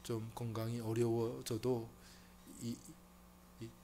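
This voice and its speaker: A male pastor preaching a Sunday sermon, asking rhetorical questions and swinging from loud exclamations to hushed, slow emphasis. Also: mid-range voice, monotone, slight background noise.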